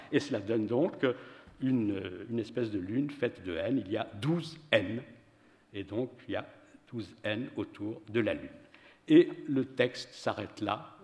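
A man giving a measured, expressive public reading of a story at a literary event. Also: mid-range voice. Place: venue hall for a public reading. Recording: reverberant hall.

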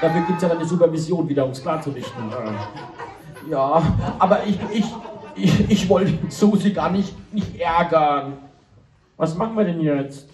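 A man's voice: on the high side, normal speed, crowd noise, lightly acted. A man playing a friendly, chatty young male puppet character who talks directly to the children in a live puppet show. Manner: chatty, addresses children directly, lively storyteller. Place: indoor kindergarten room. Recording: echoey room from far off, with guitar music.

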